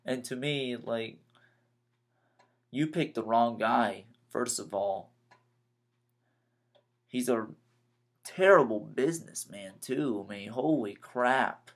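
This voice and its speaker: A nineteen-year-old man vents his frustrations in a rambling personal vlog, stumbling and repeating himself. He speaks in a mid-range voice.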